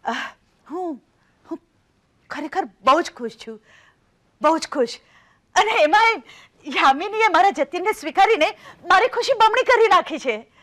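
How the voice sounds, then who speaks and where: A woman's voice: extremely high pitch, expressive, a little slow, pauses often, fairly bright tone, exaggerated voice. An actress playing an emotional middle-aged woman in a stage play, newly separated after twenty years of marriage, who falters and stammers and then turns sharply insistent. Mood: wistful.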